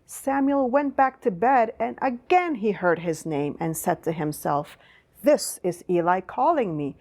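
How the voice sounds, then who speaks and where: A woman presenting a Bible story lesson to children like a kids show host, asking them questions with deliberate, teacherly phrasing. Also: medium pitch, animated, darkish tone.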